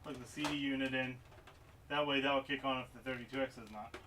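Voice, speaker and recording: A man's voice: medium pitch, fairly even intonation, quick pace, pushed and bright. A man streaming live as he repairs game consoles, chatting casually and mumbling asides to himself while he works. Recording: voice a bit far from the mic, faint noise behind.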